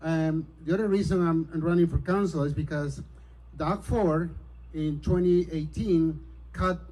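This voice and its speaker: A man's voice: on the high side, unhurried, low-quality recording. A middle-aged man from Peru gives an earnest, somewhat hesitant campaign speech as a city council candidate at a community meeting. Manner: earnest, hesitant, grows forceful.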